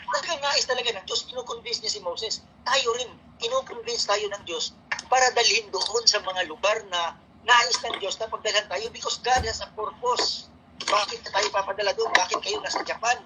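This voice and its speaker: A speaker with a Filipino accent leads a morning devotion in a relaxed, conversational way, reading Bible verses aloud and checking in with listeners. The voice is bright and forward, with a faint hiss behind it. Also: medium pitch, poor audio. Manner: reads scripture aloud, asks "no?" often. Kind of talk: Taglish morning devotion sermon.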